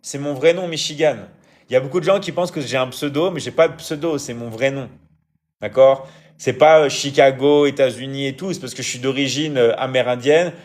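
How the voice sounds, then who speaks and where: A man's voice: mid-range voice, fairly quick. Hesitant man chatting live with viewers. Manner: hesitant, frequent fillers and restarts, keeps checking in with the audience. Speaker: live-stream host and coach. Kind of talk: casual live chat answering viewer comments.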